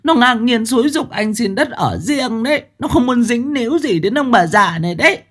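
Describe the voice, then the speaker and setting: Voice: medium pitch, expressive, fairly bright tone, voice pushed up. A storyteller voicing a domineering elderly mother-in-law who berates her daughter-in-law in a shrieking tirade. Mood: scornful. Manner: shrieking, rapid-fire tirade.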